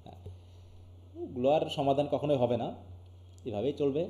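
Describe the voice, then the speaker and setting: A man's voice: medium pitch, fairly quick, warm tone, roomy sound, highs cut off. A man with a Bangladeshi Bengali accent teaching an online English class, often asking his students questions. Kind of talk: live online class lecture.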